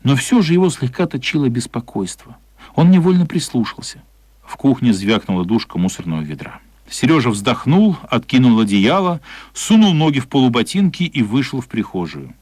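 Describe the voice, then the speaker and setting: An actor playing a thoughtful storyteller, narrating a children's radio play in an expressive, reflective way. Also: male voice, medium pitch, moderate pace, husky, no room sound. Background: music.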